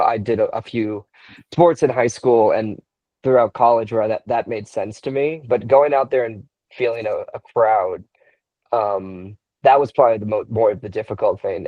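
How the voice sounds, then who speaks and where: Relaxed low-voiced young wrestler on a call. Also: male voice, no echo, dull audio. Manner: relaxed, thinks aloud with many fillers and restarts. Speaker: wrestler, podcast guest. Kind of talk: casual interview answers.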